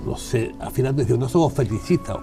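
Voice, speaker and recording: Older man, animated storyteller. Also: mid-range voice, quick pace, faint music behind. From Spain (Málaga). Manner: lively, animated, many fillers and asides. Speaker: guest, geographer. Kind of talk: casual conversational storytelling.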